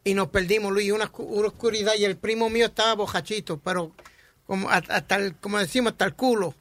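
A man telling a story quickly in casual radio chat. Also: high-pitched, steady tone, fairly bright tone. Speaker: radio show co-host.

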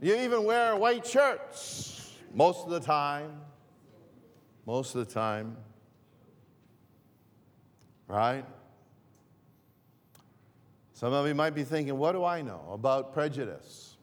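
Male pastor, sermon delivery, slow pace, slightly high voice, long hall reverb. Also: very animated. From northern Greece. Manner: repeats and restarts phrases, slow and deliberate.

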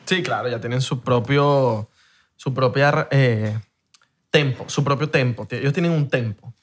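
A man's voice: mid-range voice, measured pace. A man from Venezuela with a Venezuelan accent, co-hosting a podcast in playful, slang-filled casual chat. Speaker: podcast co-host.

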